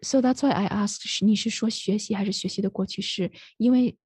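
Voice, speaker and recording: A woman teaching English pronunciation in Mandarin, switching into English and modeling words slowly. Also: mid-range voice, steady tone, darkish tone, breathy edge, dry recording. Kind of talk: bilingual pronunciation lesson.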